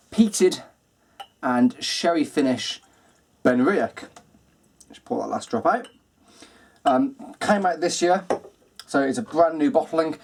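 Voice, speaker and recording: Man, mid-pitched, easygoing whisky vlogger, chatty and unhurried. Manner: relaxed and chatty, many ums and kinds of. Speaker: whisky reviewer, host. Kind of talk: casual video review.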